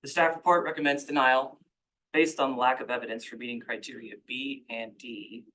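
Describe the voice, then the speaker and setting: Man, public commenter, formal testimony, bright tense voice, argumentative. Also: medium pitch, fairly even intonation, low-quality recording. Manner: measured, argumentative.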